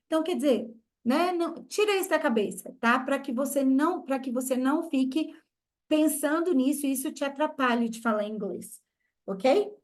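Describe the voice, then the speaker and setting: High-voiced emphatic Brazilian teacher. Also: female voice. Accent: Minas Gerais Brazilian Portuguese. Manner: emphatic, repeats key phrases, asks rhetorical questions. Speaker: English teacher. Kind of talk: online masterclass lesson.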